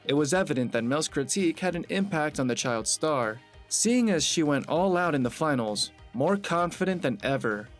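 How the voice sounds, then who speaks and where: A man giving a scripted narration in an even, steady reading voice. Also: a little high, moderate pace, hardly any pauses, faint music behind.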